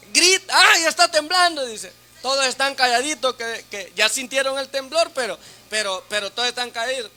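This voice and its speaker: A man preaching as a deacon in a sermon to a church women's meeting, teaching through rhetorical questions and frequent tag questions, going loud on questions and soft on asides. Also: extremely high pitch. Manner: speaks loudly on questions, then drops to a soft aside.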